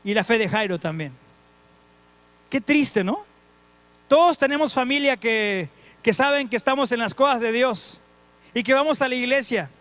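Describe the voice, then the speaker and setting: A man's voice: very high voice, fairly bright tone. A male pastor preaching a sermon in a church auditorium, earnest, speaking straight to the congregation and repeating words for emphasis.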